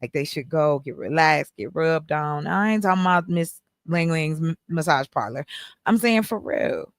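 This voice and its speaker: A woman hosting a casual group chat in a playful, teasing, animated manner. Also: low voice, moderate pace, no echo, clean studio sound. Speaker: host.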